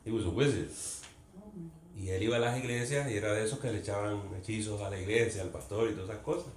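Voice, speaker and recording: A man's voice: on the low side, fast talker, slight background noise. A man leading a Bible study in a conversational teaching style, earnest, asking the group questions and slipping English words into his talk. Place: church meeting room. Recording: echoey room with faint ambience.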